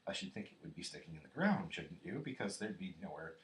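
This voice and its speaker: A man voicing a brisk, self-assured rabbit who talks emphatically in a storybook reading. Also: deep voice, sing-song, fairly bright tone, echoey room, slight background noise. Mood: emphatic musing.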